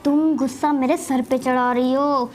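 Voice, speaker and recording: A woman's voice: high-pitched, steady tone, moderate pace, a little mellow, voice pushed down, natural voice. A woman voicing an impatient, angry young husband who scolds and complains in a game role-play. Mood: scolding.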